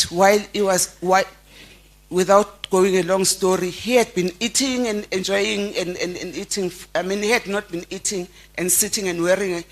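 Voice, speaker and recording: A middle-aged South African woman, a close family friend, giving a heartfelt memorial tribute and telling stories with frequent halting restarts. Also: medium pitch. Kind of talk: memorial eulogy.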